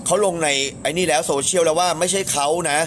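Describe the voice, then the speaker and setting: A man's voice: fairly even intonation, quick pace, slight background noise. Chatty man gossiping on a live stream. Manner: chatty, crude slang, shifts into higher voice when quoting others.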